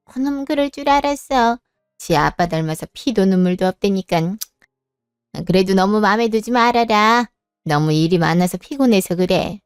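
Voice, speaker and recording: A woman's voice: on the high side, darkish tone, smooth, no room sound, clean studio sound, natural voice. A woman playing an older mother-in-law who speaks firmly but kindly. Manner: firm, motherly, decisive. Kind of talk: Korean drama voice acting.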